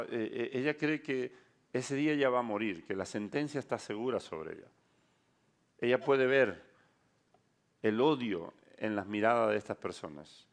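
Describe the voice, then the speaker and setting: A male pastor preaching a sermon, telling a story dramatically and shifting between soft and loud passages. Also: fairly low pitch.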